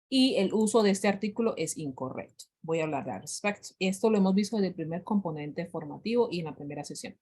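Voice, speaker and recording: A woman teaching English grammar in an online class, patiently explaining and repeating examples slowly. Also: mid-range voice, warm tone.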